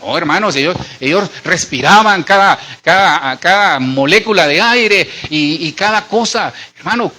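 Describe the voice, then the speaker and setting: Preaching to his congregation as if in conversation, a middle-aged Colombian pastor speaks straight to his listeners. His voice is high, animated, pushed, and bright, at normal speed with few pauses, and his accent is Colombian Spanish.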